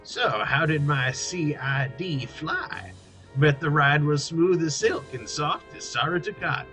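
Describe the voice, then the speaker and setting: A man's voice: a little high, measured pace, bright, forceful tone, faint music behind, pitched above the performer's own voice. Man putting on a folksy old prospector engineer. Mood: folksy, boastful.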